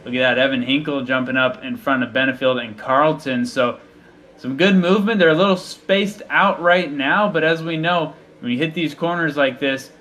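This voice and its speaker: A man's voice: fairly high pitch, moderate pace, a bit bright. A man giving live motorsport commentary in an informal, chatty, conversational way.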